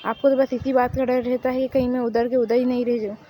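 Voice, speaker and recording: A woman's voice: a little high, flat delivery, fast talker, dark tone, lightly acted, low-quality recording. A woman voicing a stubborn young woman who is a superfan and complains and pleads with her parents. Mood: whiny.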